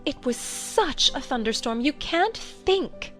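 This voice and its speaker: Woman acting dithering storybook queen, timid, muddled, nervous rambling, fairly high voice, faint music. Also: animated, slow, bright, forceful tone, full character voice. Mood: rambling, flustered. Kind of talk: dramatized audiobook acting.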